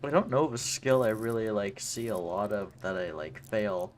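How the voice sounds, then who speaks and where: A man chats casually while playing a video game, musing out loud and second-guessing his moves. His voice sits at a middling pitch, with clear background noise from the room. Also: moderate pace. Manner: musing, unsure, thinking aloud. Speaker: game streamer. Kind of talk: casual gameplay commentary.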